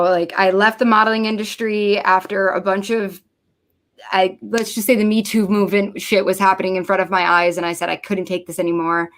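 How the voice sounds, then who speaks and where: A woman who hosts a podcast, telling her story in a casual interview, swearing freely and acting out what people said. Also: fairly low pitch. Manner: swears freely, animated, acts out quotes. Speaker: podcast host as guest.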